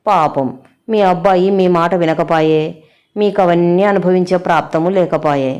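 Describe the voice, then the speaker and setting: A woman's voice: on the low side, steady tone, moderate pace, darkish tone, natural voice. A woman doing a blunt, defiant young wife. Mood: mocking.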